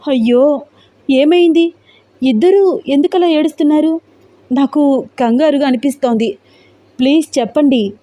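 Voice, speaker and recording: A worried young woman in an audio storybook, her voice pitched high and fretful, as a woman reader puts her on. She presses with anxious questions, her tone mellow and soft-edged. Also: moderate pace, long pauses, lightly acted.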